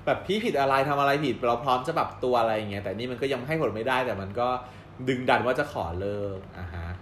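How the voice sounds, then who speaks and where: A man co-hosting a casual chat, recapping episodes in a lively, storytelling way and laughing often. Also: medium pitch, fast, slight background noise. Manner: animated storyteller, acts out quoted dialogue and laughs often. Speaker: co-host reviewing a drama series. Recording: roomy with faint background ambience.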